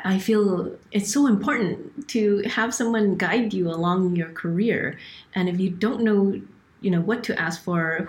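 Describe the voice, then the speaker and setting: A middle-aged woman from Hong Kong, a guest on a podcast interview, explaining things earnestly with frequent restarts over a remote call. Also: fairly low pitch. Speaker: guest, operations director.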